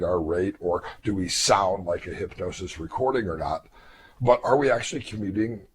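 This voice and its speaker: A man in his fifties, a hypnotist and therapist, speaking earnestly to fellow hypnotists in a measured way, his voice a little weakened after throat surgery. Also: on the low side, slight background noise. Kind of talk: reflective talk to fellow hypnotists.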